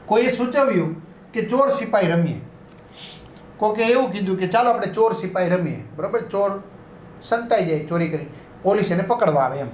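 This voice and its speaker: High-voiced man teaching a lesson. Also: lively intonation, moderate pace, a little mellow, a little hiss or hum. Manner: repeats and rephrases, checks with "right?". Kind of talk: explaining a school lesson. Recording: echoey room.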